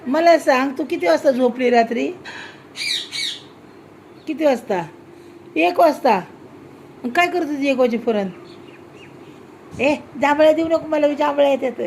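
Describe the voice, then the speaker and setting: A woman speaks slowly, half teasing and half scolding as she questions a small child. She keeps asking the same things until she gets an answer. A faint noise sits under her voice. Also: sits high, gravelly, darkish tone. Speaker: family vlogger. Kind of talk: casual family vlog.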